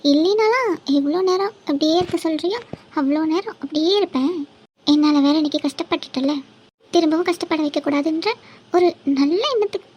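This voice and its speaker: A woman's voice: very high-pitched, a little fast, a little mellow, lo-fi sound. A woman voicing a playful young woman who teases her sweetheart in a cartoon love story. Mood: sweet. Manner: teasing, bossy banter. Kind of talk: cartoon voice acting.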